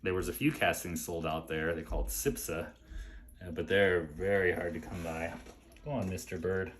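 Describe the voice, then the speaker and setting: A man with a deep, low voice talks through an unboxing in a relaxed, admiring way, chatting casually as he goes. A faint hiss sits under the recording. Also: moderate pace. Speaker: collector showing a mail delivery.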